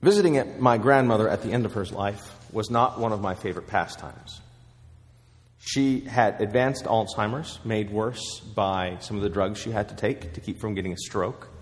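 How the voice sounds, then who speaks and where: A man preaching a sermon, telling a story with measured pauses. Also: fairly low pitch, in a large hall.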